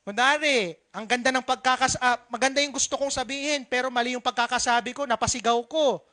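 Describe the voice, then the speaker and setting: Male pastor, sermon, bright voice, chatty, asks the congregation questions. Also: extremely high pitch, steady tone, a little fast. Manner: conversational, mixing English into Filipino, asking the congregation questions.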